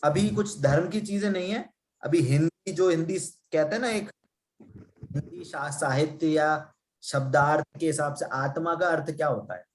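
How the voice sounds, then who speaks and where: A man's voice: a little high, moderate pace, slight background noise, rough recording. A man teaching a religion class, asking students questions and explaining with everyday examples. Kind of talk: interactive class lesson.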